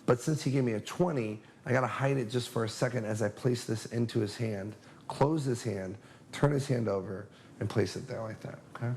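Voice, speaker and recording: A man's voice: medium pitch, fairly quick, darkish tone, a little hiss or hum. A man casually teaching a magic trick while demonstrating it on a spectator, chatty and upbeat, acting out his patter as he goes.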